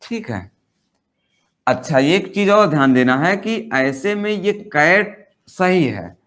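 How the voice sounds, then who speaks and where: A man's voice: on the high side, expressive, fairly bright tone. A man teaching English grammar in Hindi, explaining step by step, asking rhetorical questions and reading example sentences word by word. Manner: slow, explanatory, repeats points and asks rhetorical questions. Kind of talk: Hindi-language grammar lesson.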